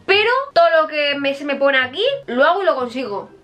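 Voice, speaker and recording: A woman's voice: high voice, expressive, brisk, noisy background. A young woman from Spain with a Spain Spanish accent, chatting bluntly as she answers viewer questions in a casual vlog and swearing freely.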